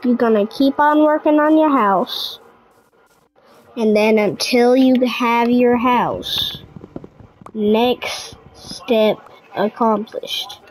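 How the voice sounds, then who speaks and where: A woman's voice: a little high, very slow, poor audio. Chatty young woman narrating gameplay. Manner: chatty, easily frustrated, talks to viewers directly. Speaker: gaming tutorial creator. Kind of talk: casual gameplay commentary.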